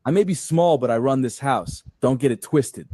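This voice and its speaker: A text-to-speech male voice playing a small, cocky pet dog who acts like the boss of the house, with a husky, swaggering delivery. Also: mid-range voice, moderate pace, warm tone, no room sound, studio quality, close to an everyday voice. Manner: swaggering, bossy. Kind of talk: AI-generated pet video voice.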